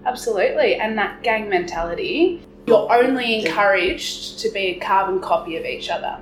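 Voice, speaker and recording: A young woman of twenty-two speaks with firm conviction as a podcast guest. Her voice echoes in a roomy space, with clear background noise behind it. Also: mid-range voice, animated, moderate pace. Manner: emphatic, forthright. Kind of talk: opinionated conversation.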